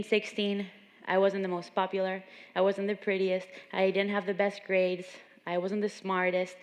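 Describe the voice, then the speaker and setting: A young adult woman from Venezuela giving an earnest motivational talk at a seminar, telling stories. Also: medium pitch. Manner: earnest, storytelling. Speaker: seminar speaker. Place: large gym. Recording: long reverb in a gym hall.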